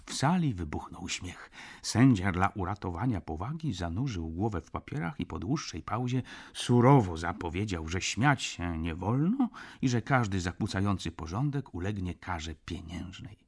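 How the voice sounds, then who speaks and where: A man narrating a literary audiobook in an expressive, theatrical way. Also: low voice, normal speed, hardly any pauses, breathy edge.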